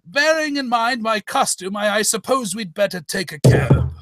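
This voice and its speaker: Man playing high-pitched, doddering old doctor. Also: animated, a bit bright, dry recording, studio quality. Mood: flustered, fussy. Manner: halting, stammering, rambling. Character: doddering, fussy old English doctor Watson reminiscing. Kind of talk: hammed-up old-time radio acting with comic ad-libs.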